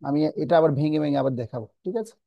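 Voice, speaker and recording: A man teaching a scripture class, chanting verses slowly and then explaining their pronunciation step by step. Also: fairly high pitch, lively intonation, no room sound, lo-fi sound.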